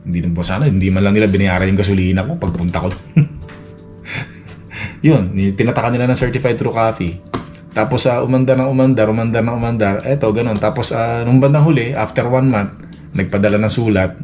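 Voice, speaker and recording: Lalaking mababa ang boses, nagkukuwento. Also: male voice, on the low side, steady tone, fairly quick, darkish tone. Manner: rambling, many restarts and fillers, acts out quoted dialogue. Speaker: vlogger. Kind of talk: casual storytelling vlog. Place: Edmonton, Canada. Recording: faint music behind.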